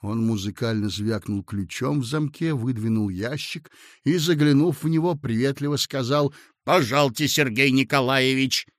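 A man reading an audiobook in a measured, expressive narration. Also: medium pitch, dry recording, studio quality. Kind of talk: scripted narration.

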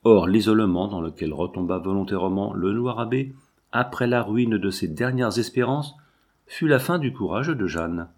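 A man with a low voice reads a classic novel aloud. His narration is measured and solemn. He gives the long literary sentences room. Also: darkish tone. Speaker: audiobook reader.

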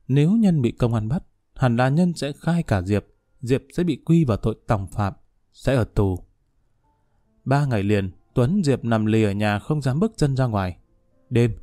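Dark-voiced man narrating a story. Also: mid-range voice, no echo, clean studio sound.

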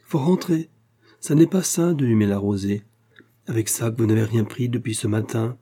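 A man's voice: medium pitch, moderate pace, mellow, close to an everyday voice. A man voicing a gossiping old peasant woman with rural dialect, rambling and fussing in an audiobook reading. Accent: rural French peasant dialect. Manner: rambling, fussing, rustic grammar.

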